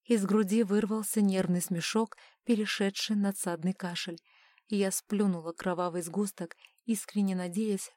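A woman reading a first-person story aloud as an audiobook narrator, in a steady, measured storytelling voice. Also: medium pitch, no echo.

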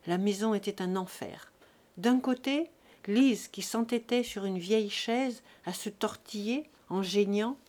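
A woman reading a classic novel aloud as an audiobook, with an expressive, measured delivery. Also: medium pitch. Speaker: audiobook reader. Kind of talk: scripted narration.

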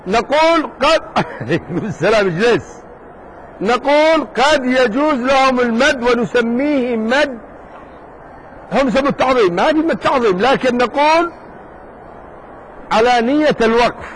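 A man teaching a jurisprudence lesson in a mosque circle, talking casually and lively, joking with his students and firing rhetorical questions at them. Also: very high-pitched, moderate pace, long pauses, slight background noise, low-quality recording. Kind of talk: informal classroom lesson.

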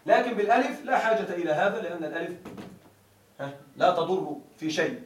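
A male grammar teacher with a high voice lectures a class. He drags out each example word and keeps checking that the students follow, heard from a distance in an echoing room. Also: a little hiss or hum. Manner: keeps asking students if it is clear; drawls example words slowly. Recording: echoey room, mic far off.

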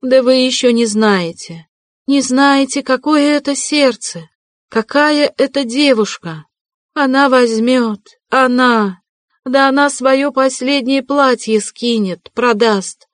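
Охрипшая, надрывно кричащая отчаявшаяся вдова, которую изображает чтица: голос срывается высоко, мольбы звучат лихорадочно. Запись сухая, студийная, без эха. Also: female voice, slow, no room sound, studio quality. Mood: anguished. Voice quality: hoarse, shrill crying. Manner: frantic pleading shouts. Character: desperate consumptive poor widow, shrill. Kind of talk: audiobook reading.

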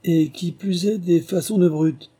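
A man's voice: high-pitched, a little slow, breathy edge, pitched above the performer's own voice, heavily acted. A man playing a cool, placid frail detective. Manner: calm, cutting and placid. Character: frail, chilly, unflappable amateur detective.

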